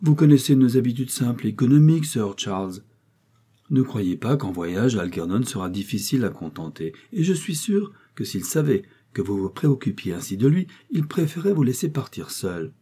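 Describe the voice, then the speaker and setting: A man voicing a naive, innocent young woman in a read-aloud novel, with gentle, simple replies. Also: mid-range voice, big pitch swings, moderate pace, husky, voice pushed up. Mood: earnest.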